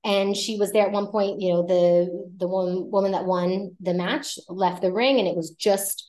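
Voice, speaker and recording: A woman's voice: mid-range voice, fairly even intonation, normal speed, a little mellow. Woman teaching Spanish phrases. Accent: Puerto Rican Spanish. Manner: explains phrases, drawing out words for emphasis. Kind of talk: podcast language lesson.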